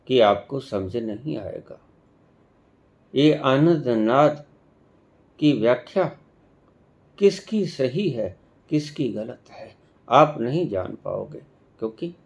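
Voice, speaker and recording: A man giving a devotional discourse as a spiritual teacher, speaking in a measured way with long pauses and emphatic stresses. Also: medium pitch.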